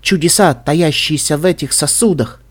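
Man voicing Xenith, slow soothing zebra mare. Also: a little high, slightly rough, pitched above the performer's own voice. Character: wounded exotic female zebra alchemist, calm.

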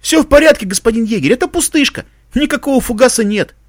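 A man doing a young alicorn trooper, eager, dutiful, pitched high, lively. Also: no echo, studio quality. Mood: alert. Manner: dutiful, quick reports.

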